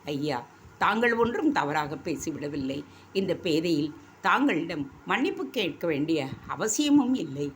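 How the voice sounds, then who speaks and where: A woman's voice: sits low, sing-song, a little slow, slight background noise, full character voice. A woman reading the lines of a fearful, sorrowful young princess in a storybook.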